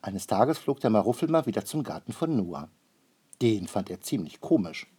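A man narrating a children's storybook aloud in a calm, expressive way. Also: lowish voice, normal speed, breathy edge.

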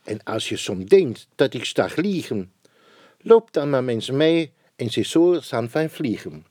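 A man's voice: medium pitch, very animated, a little slow, darkish tone, no echo, studio quality. A man voicing a small, clever, boastful male mouse in a storybook reading.

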